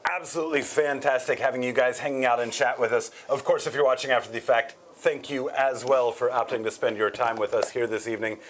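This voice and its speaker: A man's voice: mid-range voice, fairly even intonation, fairly quick, hardly any pauses. A male host signs off a tabletop gaming stream in an upbeat, friendly way. His voice sits in a middle register. A faint hiss runs behind him. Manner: upbeat, thanks the viewers. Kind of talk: livestream sign-off.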